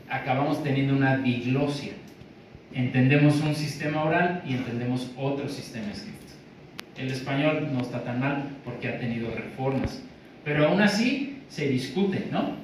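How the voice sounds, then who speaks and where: A man's voice: medium pitch, moderate pace. A man with a Mexican Spanish accent giving an academic lecture in a conversational way, often checking in with his audience. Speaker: linguistics lecturer. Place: large lecture hall. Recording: echoey hall from far off, faint noise.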